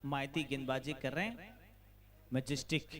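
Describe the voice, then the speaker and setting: A man giving excited live cricket commentary as a commentator, with animated, drawn-out calls of the play. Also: mid-range voice.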